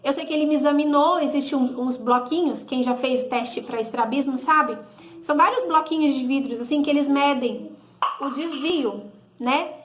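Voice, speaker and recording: A woman with a high voice and a Brazilian Portuguese accent speaks at a moderate pace in a roomy-sounding space. She gives a personal testimony in a conversational way, re-enacting dialogue with lots of "he said, I said." She often adds the tag "né?" and corrects herself as she goes.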